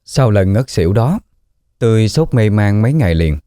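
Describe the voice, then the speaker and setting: Deep somber male storyteller. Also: big pitch swings, normal speed, mellow, clean tone, no echo, studio quality, faint music behind. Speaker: narrator. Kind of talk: ghost story audiobook narration.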